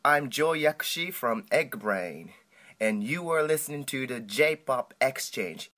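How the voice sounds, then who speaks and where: A Japanese man in a band answers interview questions in simple, halting second-language phrasing with a Japanese accent. His mid-range voice is animated, bright and forceful.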